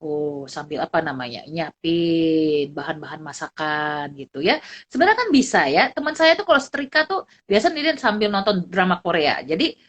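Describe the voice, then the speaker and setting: Animated woman lecturing online. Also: low-pitched, moderate pace, lo-fi sound. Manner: lively, chatty, ends phrases with tag questions. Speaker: psychology lecturer. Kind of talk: online class talk.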